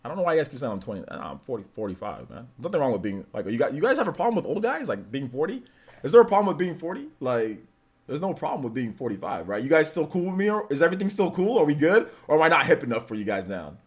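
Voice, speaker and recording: A man's voice: a little high, big pitch swings, fast, slightly rough. A man in his forties hosting a livestream, chatting casually with viewers in a laid-back, rambling, slangy way. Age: 40s. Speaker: streamer host. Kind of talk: casual livestream chat reading viewer messages.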